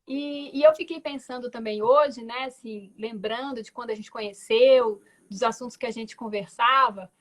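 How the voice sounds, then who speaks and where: A woman's voice: fairly high pitch, moderate pace, hardly any pauses. A woman in her forties from Belo Horizonte with a Minas Gerais accent, telling her story as a guest artist on a video call in a thoughtful way, with frequent tag words and restarts. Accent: Minas Gerais Portuguese. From Belo Horizonte, Brazil. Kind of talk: reflective conversational storytelling.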